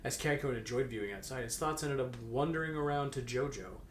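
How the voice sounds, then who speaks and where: In an echoey room with faint background noise, a man co-reads fan fiction aloud with commentary, giving a comedic, mock-dramatic reading full of joking banter. His voice is mid-range and fairly quick.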